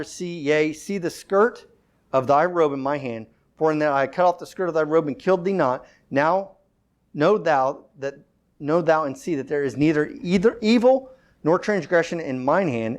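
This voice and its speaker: Man leading a bible study, slightly high voice, conversational, reads scripture aloud, restarts his sentences. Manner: conversational, with fillers and self-corrections.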